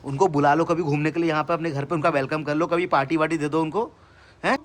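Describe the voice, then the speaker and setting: A man's voice: a little high, quick pace. Teasing young man filming a family vlog. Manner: teasing, lively, calls out loudly. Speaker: vlogger, host. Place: outdoors at home in the sun.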